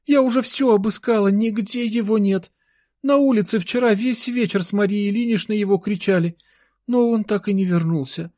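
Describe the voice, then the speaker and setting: A man's voice: animated, normal speed, darkish tone. A man voicing a tearful little girl, the narrator's younger sister, in an audiobook. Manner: pleading, high childish voice.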